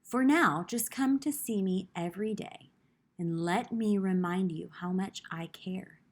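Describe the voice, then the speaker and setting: A woman voicing a big, fatherly woodcarver in a children's storybook, speaking gently and thoughtfully with slow reassurance. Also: medium pitch, close to an everyday voice. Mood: reassuring.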